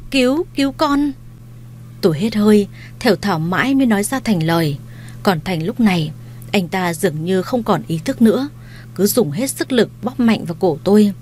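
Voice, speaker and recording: A woman narrating a first-person dramatic story in a steady storytelling manner. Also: fairly low pitch, slight background noise.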